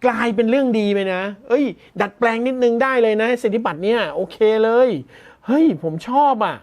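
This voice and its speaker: A man's voice: extremely high pitch, fairly quick. Chatty male tech news host. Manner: chatty and amused, laughs often, mock-shouts. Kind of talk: casual tech news commentary.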